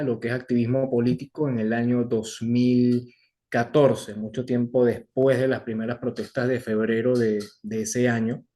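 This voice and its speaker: A man in his twenties with a Venezuelan accent, a young activist answering interview questions in a measured, formal way with frequent "eh" fillers. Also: medium pitch, a little mellow. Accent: Venezuelan Spanish. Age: 20s. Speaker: guest, young political activist.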